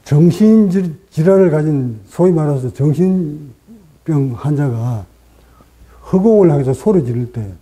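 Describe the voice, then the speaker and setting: Dark-toned man giving a dharma talk. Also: fairly high pitch, animated, poor audio. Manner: deliberate, short phrases with pauses, rising for emphasis. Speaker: Buddhist meditation teacher.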